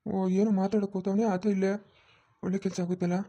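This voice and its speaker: A woman voicing a worried village husband who talks low and in a hurried, plain manner. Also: level tone, dark tone, dry recording, lightly acted.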